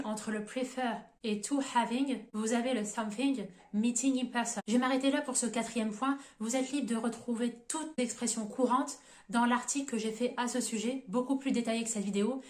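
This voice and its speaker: A woman teaches a grammar lesson in a methodical, step-by-step way, spelling out letters and slowing down for each example sentence. Her voice sits a little high. The room adds a clear echo around her words. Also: darkish tone. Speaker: English teacher on her own channel.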